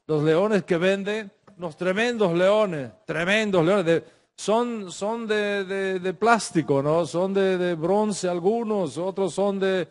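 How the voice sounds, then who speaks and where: Man, middle-aged, fairly high voice, religious class, emphatic, repeats himself, restarts mid-sentence. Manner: speaks in Spanish with Hebrew religious terms.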